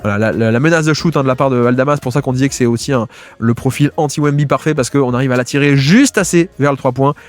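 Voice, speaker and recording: A man talks through basketball game footage at a rapid clip, stumbling over restarts and fillers as he goes. His voice sits at an ordinary middle pitch. Light music runs faintly underneath. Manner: fast, filler-heavy, restarts a lot. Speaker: basketball video analyst. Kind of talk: film-breakdown commentary.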